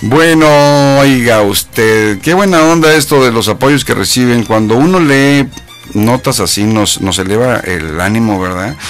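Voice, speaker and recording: Man hosting casual web radio, joking, playful delivery, mid-pitched voice, faint music underneath. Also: a little slow. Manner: jokey, playful, mock-mispronounces English. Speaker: radio show host. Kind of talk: live internet radio talk.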